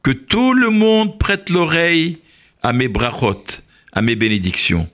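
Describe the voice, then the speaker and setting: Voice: mid-range voice, fairly bright tone, lightly acted. A narrator voicing a solemn old rabbi. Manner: slow, solemn, comforting. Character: venerable older male rabbi, steadfast and hopeful. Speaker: rabbi in a camp. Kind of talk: storybook read-aloud.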